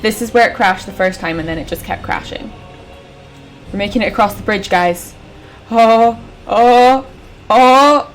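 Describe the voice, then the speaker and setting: A woman from the United Kingdom with a British accent hosts a gaming channel, giving chatty, jokey let's-play commentary in a mid-range voice at a fairly quick pace. She swears casually as she plays, with soft music in the background.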